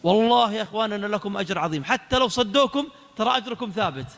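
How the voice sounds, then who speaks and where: A man's voice: sits high, lively intonation, very fast, a bit bright, big-room sound. A man giving a religious lecture, exhorting his listeners and retelling a story with quoted dialogue.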